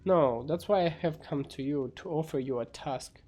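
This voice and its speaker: A man's voice: fairly high pitch, moderate pace, mellow, lightly acted. A man voicing a menacing, threatening demon master with grand, ominous commands in an amateur fantasy game story. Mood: commanding.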